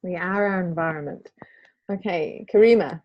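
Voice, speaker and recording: A course facilitator with a New Zealand accent leads an online class over a video call, speaking informally and calling on people by name. Her fairly low voice moves at normal speed, with no echo and the highs cut off.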